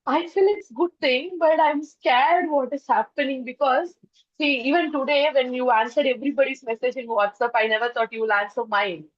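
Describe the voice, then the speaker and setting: Woman participant, earnest and halting, higher voice, dry lo-fi call audio. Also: no echo. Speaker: workshop participant. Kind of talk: emotional personal sharing.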